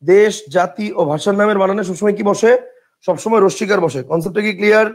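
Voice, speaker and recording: A man's voice: high voice, a little fast. A man with a colloquial Bangladeshi Bengali accent teaching a grammar class online, repeating rules and checking that students understand. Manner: chatty, repetitive drilling, checks if students understand; reads out student questions from chat. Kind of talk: online exam-prep class.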